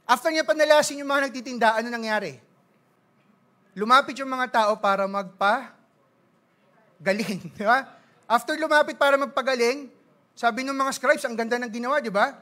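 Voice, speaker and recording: A Filipino man preaching a sermon as pastor, mixing Tagalog with English, reading scripture slowly and joking with the congregation. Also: extremely high pitch, bright, forceful tone. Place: church service.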